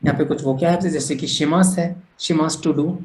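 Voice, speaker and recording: A man's voice: fairly high pitch, fairly even intonation, moderate pace. Male teacher for an online class, patient explainer who keeps checking in, slips in English phrases, roomy echo. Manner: mixes English phrases into talk. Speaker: language teacher.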